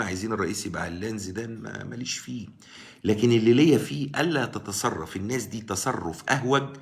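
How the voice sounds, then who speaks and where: Over a live-stream mic, a man with an Egyptian Arabic accent hosts a stream of casual, argumentative political commentary, replying to viewers by name. His voice has a medium pitch and a fairly bright tone.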